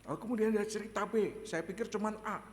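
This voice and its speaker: A male pastor preaching a sermon, telling a personal story in an animated way, chuckling often and addressing the congregation directly. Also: high-pitched, fast talker. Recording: echoey hall, faint background noise.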